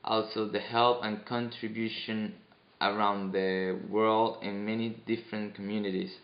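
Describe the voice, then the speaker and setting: A man's voice: fairly low pitch, flat delivery, a little slow. A man hosting a staged class interview, asking scripted, announcer-like questions. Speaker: interviewer host. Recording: roomy, slightly dull sound.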